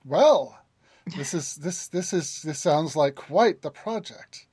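A man's voice: fairly high pitch, expressive, takes it slowly, a little mellow, husky, dry recording. A man narrating as game master in a tabletop game, hesitant, with many fillers and restarts.

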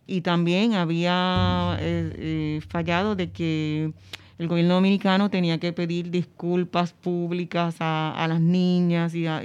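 A woman speaks very slowly in a smooth, fairly low voice. She explains carefully, often pausing to search for the next word. The recording is slightly dull. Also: a little mellow. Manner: halting, searching for words, explanatory. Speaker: interviewee. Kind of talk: explanatory interview talk.

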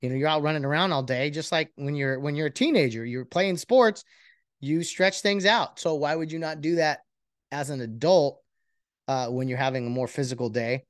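A man hosting a podcast alone, talking in a rambling, earnest and self-reflective way, with many halting restarts. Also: on the high side, dry recording, studio quality. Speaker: podcast host. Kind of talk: casual solo podcast monologue.

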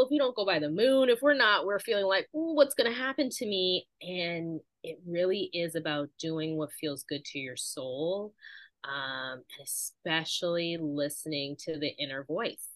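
Woman, podcast host, lowish voice, reflective, casual interview chat, dry close sound. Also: normal speed, no room sound. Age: adult with children.

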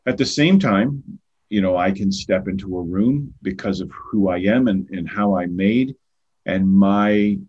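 Unhurried and slightly rough, this older man's low, loud voice comes through as he earnestly chats on a podcast as a guest. Starting a thought, he often repeats words. The sound quality is dull and lo-fi.

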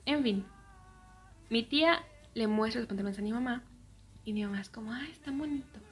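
A young woman with a Mexican accent telling a personal story in a casual way, often dropping into soft, near-whispered asides. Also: fairly high pitch, normal speed.

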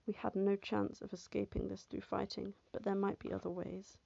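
A woman giving a scripted first-person audiobook narration with a steady, even reading. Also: mid-range voice, normal speed, creaky, breathy edge, no room sound. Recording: dull lo-fi, dry.

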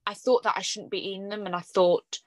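A woman's voice: mid-range voice, flat delivery, a little fast, no echo. A young woman hosting a podcast, chatting casually with frequent fillers and light laughs. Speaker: podcast host. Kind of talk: casual conversational podcast chat.

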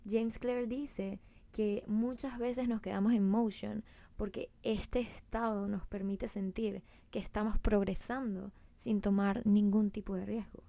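A young woman hosts a casual solo podcast, chatty and emphatic, mixing English words into her speech. Her mid-range voice is mellow with lots of vocal fry, steady in tone and unhurried. The sound is close and dry, with no room echo.

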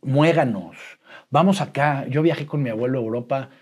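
A man's voice: mid-range voice, normal speed, husky. A man with a Mexican Spanish accent, telling a personal story in casual, colloquial talk full of slang and restarts. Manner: colloquial, profane, animated storytelling with frequent restarts. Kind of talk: casual storytelling in a podcast chat.

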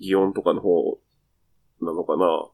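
A man's voice: low voice, steady tone, slow pace, gravelly, a little mellow, no room sound. A man with a Kyoto Kansai accent in casual, colloquial conversation, reacting with frequent backchannels. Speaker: talk show host who lives in Kyoto. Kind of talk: casual chat.

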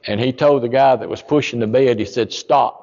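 A man, a pastor telling a story in a sermon, folksy and rising to loud emphatic peaks. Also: medium pitch, a little fast, long reverb tail, muffled recording.

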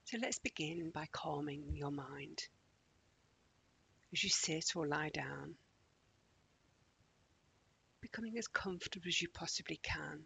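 Soft, husky, creaky man guiding meditation. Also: a little high. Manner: slow, calming, gentle instruction, often near a whisper. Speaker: guided meditation host. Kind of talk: soft, soothing guided morning meditation.

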